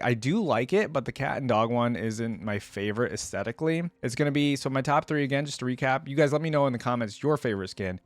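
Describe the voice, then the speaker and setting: In a casual reaction video, a male host gives his commentary informally, musing out loud and occasionally reading text aloud. He has a mid-range voice, and the recording has no echo.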